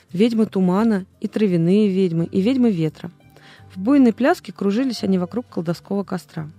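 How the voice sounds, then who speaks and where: Woman narrator, storybook reading, expressive, mellow dark tone, faint music. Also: mid-range voice. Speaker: audiobook reader.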